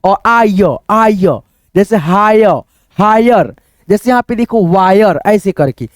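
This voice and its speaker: A man's voice: high voice, animated, takes it slowly, dry recording, clean studio sound. A man teaching beginners how to read English words, spelling them out letter by letter, repeating each answer and quizzing his viewers. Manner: keeps asking the viewers what to read. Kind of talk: phonics lesson for beginners.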